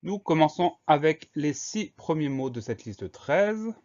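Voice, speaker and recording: A man's voice: fairly high pitch, big pitch swings, unhurried, a little mellow. Man, patient teacher, methodical spelling lesson, slightly dull lo-fi sound. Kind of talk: spelling lesson, calm explanation.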